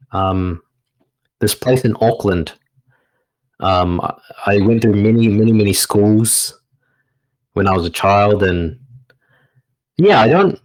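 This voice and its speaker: This is a New man who teaches meditation, talking in a deep, slow, measured voice. He answers unscripted questions reflectively, stopping often to gather his thoughts before he goes on. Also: poor audio. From New Zealand.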